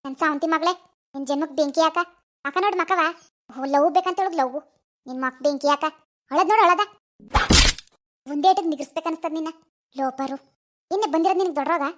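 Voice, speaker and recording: A woman voicing a furious village mother who scolds her teenage daughter in rapid, shrill bursts full of insults. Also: a little hiss or hum, natural voice. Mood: angry scolding.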